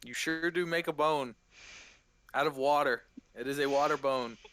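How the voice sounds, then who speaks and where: A man's voice: on the high side, normal speed, a bit bright. A man running a tabletop game as game master, narrating off the cuff in a casual, chatty way.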